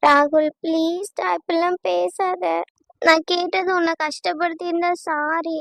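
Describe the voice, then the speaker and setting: An anxious young bride in a cartoon, voiced by a woman, pleading and apologetic. Her voice is very high and thin, recorded close and dry. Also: level tone, unhurried, a bit bright, dry recording, exaggerated voice.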